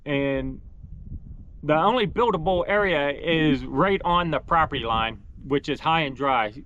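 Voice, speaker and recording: Man, vlog host, casual chat to viewers, slightly high pitch, very bright tone, unhurried explaining. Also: highs cut off, a little hiss or hum. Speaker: vlog host showing own cabin property.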